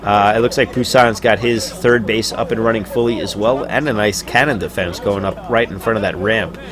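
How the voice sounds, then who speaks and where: A man giving casual solo play-by-play commentary on a live game stream, chatty and laid-back between plays, rising to excited shouts on big moments, with hiccups now and then. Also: fairly low pitch, normal speed, crowd noise. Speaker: esports caster.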